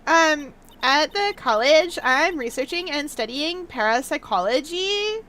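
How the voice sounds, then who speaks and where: A woman's voice: high voice, animated, a little slow, a bit bright. A woman voicing a ditzy, bubbly sorority-girl college student in a video game, with a Valley Girl accent and statements that lilt like questions. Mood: chatty. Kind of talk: video game voice-over read-aloud.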